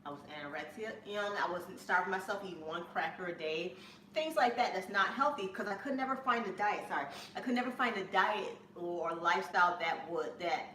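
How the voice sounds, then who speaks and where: A woman hosting a home cooking live stream, chatting in a rambling way with bursts of excitement, from her kitchen. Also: mid-range voice, fairly quick. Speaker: cooking channel host. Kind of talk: casual live-stream chat. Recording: echoey room, mic at a distance, faint room noise.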